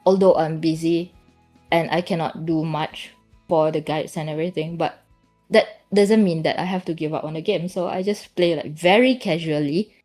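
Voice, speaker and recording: A woman's voice: deep voice, steady tone, moderate pace, a little mellow, soft background music. A woman talking casually as a podcast guest, rambling and restarting her sentences.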